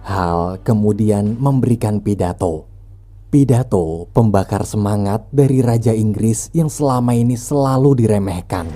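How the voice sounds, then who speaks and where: A man's voice: lowish voice, a little slow, warm tone. A man reading a scripted film recap as a narrator, in a storytelling style with casual asides. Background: background music.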